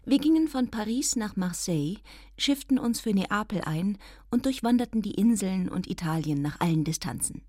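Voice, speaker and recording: A woman's voice: medium pitch, lively intonation, moderate pace, a little mellow, no room sound, studio quality. A woman reading a nineteenth-century novel aloud in the first person, in an ironic, affected, theatrical manner. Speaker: reader.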